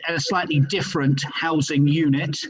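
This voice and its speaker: A male councillor making measured remarks, with frequent ums and restarts, over a video call that sounds muffled and hollow, as if he were inside a fishbowl. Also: on the high side, steady tone, slightly rough. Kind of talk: formal remarks at an online planning committee.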